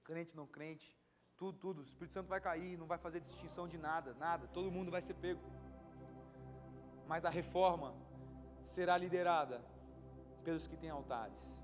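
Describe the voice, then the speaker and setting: A young Brazilian man with a Brazilian Portuguese accent, preaching an impassioned sermon that builds to shouts. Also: fairly high pitch, moderate pace, pauses often. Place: church hall. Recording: live church hall with reverb and keyboard music.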